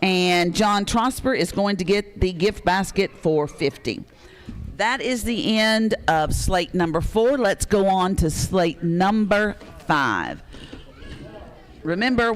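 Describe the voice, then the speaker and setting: A man's voice: high-pitched, a bit bright. A man hosting a live charity auction, reading off bids and names in a folksy way with frequent fillers.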